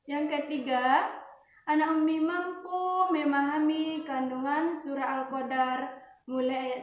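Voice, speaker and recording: A woman teacher giving an online lesson to children. She talks in a motherly way, with many fillers and self-corrections, and chants Quran verses slowly. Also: high voice, echoey room. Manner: motherly, addresses the children as "Nak".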